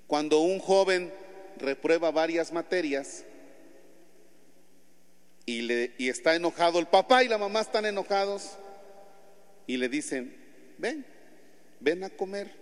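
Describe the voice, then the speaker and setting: A priest with a Mexican Spanish accent preaching a homily in a church, telling stories with lively acted-out scenes. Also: male voice, a little high, a little slow, long pauses, smooth. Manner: animated storytelling, acts out scenes. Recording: long church reverb.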